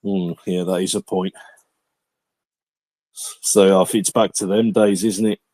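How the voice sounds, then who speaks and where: Podcast host, low-pitched, chatty, very dry sound. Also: male voice, level tone, unhurried, darkish tone, no room sound. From England. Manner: chatty, repeats words when starting sentences. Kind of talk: casual chat.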